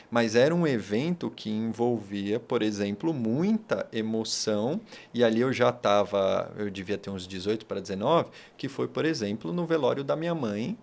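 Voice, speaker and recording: Gravelly Brazilian podcast host. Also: male voice, medium pitch. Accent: Brazilian Portuguese. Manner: loose, rambling with many restarts and slang fillers. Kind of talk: casual interview chat.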